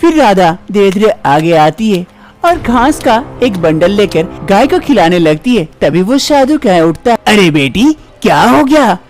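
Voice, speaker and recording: A woman narrating a cartoon story in an expressive storytelling manner. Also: mid-range voice, a little slow, faint music behind.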